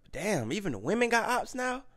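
A man's voice: sits high, big pitch swings, fairly quick, a bit bright. A man hosting a reaction video, talking casually with lots of slang and cursing and exclaiming as he watches.

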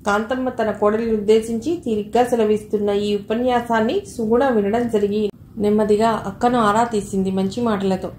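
A woman reading a short story aloud in a steady storytelling manner. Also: mid-range voice, brisk, slight background noise. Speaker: audiobook narrator. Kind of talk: scripted story narration. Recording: echoey room, faint ambience.

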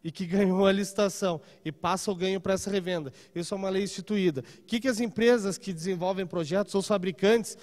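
A man's voice: high-pitched, steady tone, quick pace, few pauses, a little mellow, long reverb tail. A man in his thirties giving a live seminar talk in a large conference room through a handheld microphone, checking in with the audience often. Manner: conversational, frequent "tá?" and "né?" check-ins. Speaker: trade seminar speaker.

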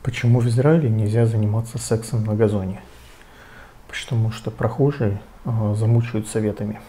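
A man in his forties reading out short jokes informally, in a low-key way with pauses. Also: steady tone, dark tone, slight background noise. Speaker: joke teller. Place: home kitchen, indoors.

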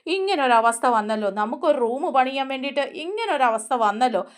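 A woman voicing a drunk, hurt son who pleads slowly and tearfully about being left out. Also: sits high, animated. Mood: hurt, pleading. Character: grieving drunk man, hurt middle son.

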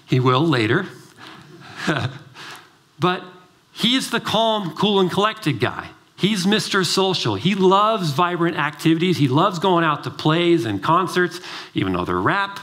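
Animated middle-aged man giving a talk. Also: on the high side. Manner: animated storytelling, acts out dialogue; driven, emphatic. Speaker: doctor giving a conference talk. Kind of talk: summit stage presentation.

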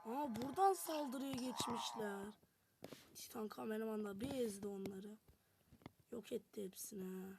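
A woman's voice: fairly high pitch, moderate pace, vocal fry, background noise. A woman giving chatty commentary on a game as she plays, talking straight to her viewers. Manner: chatty, talks to viewers while playing. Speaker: gameplay narrator. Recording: music playing behind.

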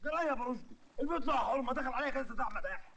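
An actor playing a loud, rustic village man in a comedy film, talking fast and shouting with an Egyptian accent. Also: very high voice, animated, gravelly, full character voice. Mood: rowdy. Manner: shouting, rapid-fire.

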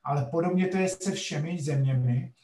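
A man's voice: on the high side, mellow, reverberant, distant mic. A middle-aged man, a geography professor, telling a story in a lecture-like way, emphatic, with frequent hesitation sounds. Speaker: podcast guest, geography professor.

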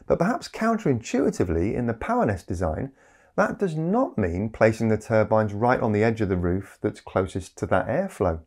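Speaking in a lowish, slightly mellow voice, this man presents a scripted explainer to camera, keeping it conversational with rhetorical asides. He's a video presenter working from a small indoor home study, captured with a lapel mic.

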